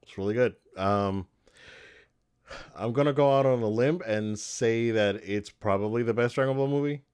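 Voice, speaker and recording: A man's voice: mid-range voice, normal speed, a little mellow, smooth. A man co-hosting a podcast, chatting casually and enthusiastically about movies, with many restarts and fillers. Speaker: podcast co-host.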